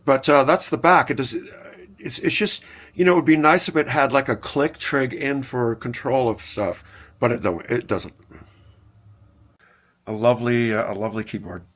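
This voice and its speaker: A man's voice: medium pitch, moderate pace, a bit bright. A man hosting a casual live synth show, talking in a rambling, laid-back way with many fillers and restarts. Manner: laid-back, a little profane.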